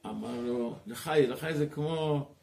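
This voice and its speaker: A male rabbi giving a Torah class, talking in a halting way, searching for words and dropping in Hebrew terms. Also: fairly high pitch, creaky, a little mellow, slight background noise. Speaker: rabbi teaching Talmud.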